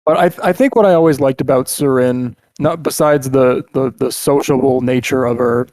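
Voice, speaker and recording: A man's voice: medium pitch, moderate pace, a little mellow, no room sound. Musing male podcast host, dry sound. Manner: musing, with hesitant restarts. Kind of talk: casual chat.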